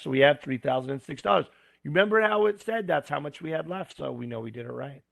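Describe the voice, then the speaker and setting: An instructor with a gravelly, mid-range voice that's going hoarse walks through homework in a screen recording with no room sound. He talks plainly, step by step, with asides and fillers.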